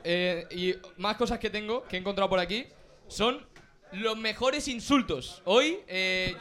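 A man co-hosting a live podcast in a pub, joking in quick bursts. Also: high-pitched, sharp tone. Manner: jokey, quick bursts of talk. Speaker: podcast co-host. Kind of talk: casual live podcast banter.

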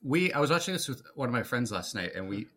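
A man who is a comedian, chatting casually on a podcast and acting out movie lines with excitement. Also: fast talker. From Los Angeles. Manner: animated, acts out quotes in a high excited voice. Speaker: guest comedian.

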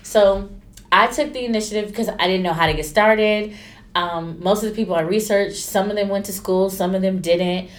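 A woman, a stylist chatting candidly in an interview and acting out quotes with lively turns. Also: mid-range voice, moderate pace. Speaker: stylist and entrepreneur. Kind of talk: casual interview storytelling.

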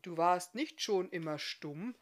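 A woman voicing a big, gruff, half-deaf male blacksmith who shouts in a booming voice. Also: expressive, a little slow.

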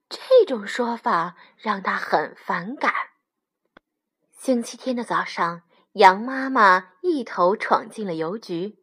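Slow, gentle woman storyteller. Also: medium pitch, breathy edge. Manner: gentle, unhurried. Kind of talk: children's story narration.

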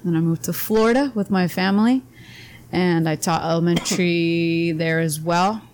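A woman in her forties, a school athletic director, recounting her background in a friendly, steady way. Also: on the low side, normal speed, slight background noise. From Southern California, raised partly in Spain. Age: 40s. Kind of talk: interview answers.

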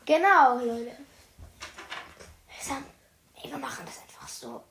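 This streamer reading a kids' story aloud is very animated, pausing often for chatty, slangy comments addressed to "Leute." Her voice is a little high with a gravelly edge, her pace slightly slow. Echo from the room and some background noise are audible.

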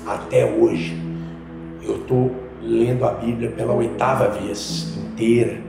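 A man's voice: medium pitch, fairly even intonation, slow, vocal fry. A man, a guest musician on a podcast, telling his life story casually in slangy speech that rises into fervent emphasis. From Minas Gerais, Brazil. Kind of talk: casual personal testimony. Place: podcast studio. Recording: very echoey room with background music.

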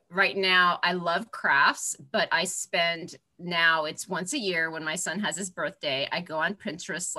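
A woman in her forties from Florida, chatting as a podcast guest, lively with frequent laughs and fillers. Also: lowish voice. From Florida, USA. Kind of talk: casual interview chat.

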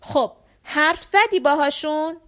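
A woman reading the lines of a gentle, tired father who answers his daughter in short, hesitant replies in an audiobook. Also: high voice, pitched above the performer's own voice. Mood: subdued. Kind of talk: audiobook character voice.

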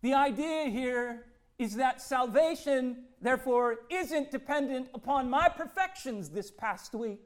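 A pastor preaching an impassioned sermon, swinging from hushed, tender passages to loud, ringing declarations. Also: male voice, extremely high pitch, expressive, unhurried, few pauses.

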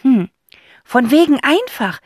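A woman's voice: high-pitched, sing-song, slow, dry recording, studio quality, pitched above the performer's own voice, heavily acted. Woman playing an eager, clever young boy. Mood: reasoning.

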